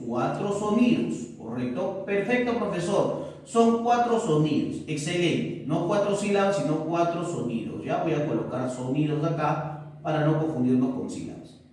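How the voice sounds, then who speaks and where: A male teacher giving a recorded lesson, unhurried and checking in with the class often. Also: fairly high pitch, darkish tone. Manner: unhurried, keeps checking in with correcto and ya. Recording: echoey room, mic at a distance.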